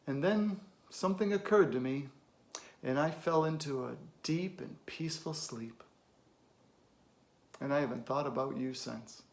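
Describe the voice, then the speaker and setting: An actor delivers a dramatic film monologue as a weary, blunt middle-aged therapist, deliberate, with weighty pauses and emphatic bursts. His voice is natural and fairly high-pitched, and the mood is cool and pointed.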